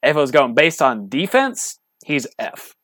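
A man's voice: mid-range voice, very animated, a little slow, a bit bright, no room sound. A man hosting a casual podcast chat, leading the discussion and explaining his rankings.

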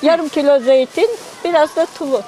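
A woman's voice: sits high, moderate pace, mellow. An older retired woman at an outdoor market, complaining in emphatic rhetorical questions to an interviewer. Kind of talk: street interview. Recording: noisy outdoor market crowd.

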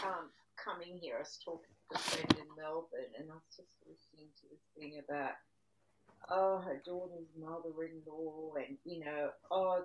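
A woman's voice: low-pitched, a little hiss or hum, poor audio. A woman in casual conversation who tells a wry anecdote in a chatty way. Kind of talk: casual chat.

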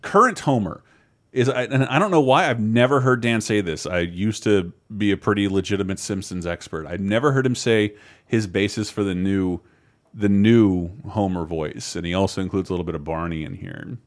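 A man hosting a podcast in casual chat, animated and quick, often laughing and swearing. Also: on the low side. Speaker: podcast host.

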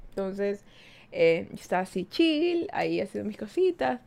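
A young woman talks through a personal story on her podcast, loose and chatty. She speaks at a middle pitch and keeps it lively, acting out the lines people said to her. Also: moderate pace, vocal fry. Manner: animated, chatty, acts out quoted dialogue. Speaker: podcast host. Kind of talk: casual storytelling monologue.

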